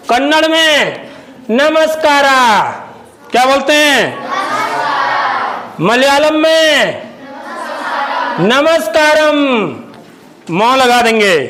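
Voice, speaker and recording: A male school teacher in a classroom, teaching children and quizzing the class, repeating each word slowly. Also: very high voice, bright, forceful tone, rough recording. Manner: asks the class questions and repeats words slowly.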